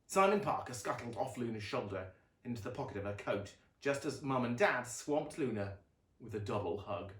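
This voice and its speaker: A man with a mid-range voice reads children's fiction aloud as a dramatic, expressive narrator, delivering it deliberately in a roomy-sounding space.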